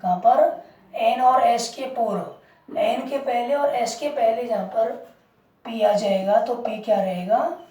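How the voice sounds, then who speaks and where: Recorded from afar in a reverberant room, this English teacher talks slowly, her somewhat high voice soft and mellow. She keeps quizzing the class and echoing back the answers and words.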